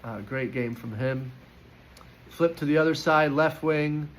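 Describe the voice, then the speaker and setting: A man's voice: fairly high pitch, measured pace, low-quality recording. A man giving casual, opinionated football player ratings in a chatty way, with frequent fillers and restarts. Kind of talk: casual post-match reaction.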